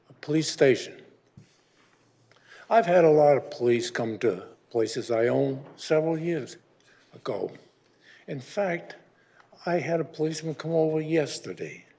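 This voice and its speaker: A man's voice: fairly high pitch, a little mellow. A man in his eighties giving a rambling, grumbling public comment at a city council meeting. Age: 80s. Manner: rambling and grumbling, with frequent restarts.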